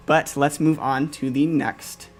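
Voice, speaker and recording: A man hosting a casual game livestream, upbeat and quick to laugh, with lots of fillers as he walks through weapon stats. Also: fairly high pitch, steady tone, faint music behind. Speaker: livestream host.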